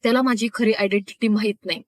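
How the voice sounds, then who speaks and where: A woman's voice: mid-range voice, fairly even intonation, quick pace, no room sound, close to an everyday voice. A woman voicing a young newlywed woman, earnest and loving, with a pleading, affectionate manner.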